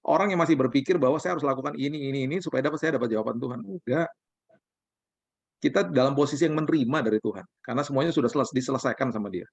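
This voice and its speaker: Fast-talking pastor man. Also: medium pitch, vocal fry, breathy edge, no room sound. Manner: relaxed, conversational preaching with acted quotes. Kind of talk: sermon-style sharing over video call. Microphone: video call. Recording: dull lo-fi video call audio.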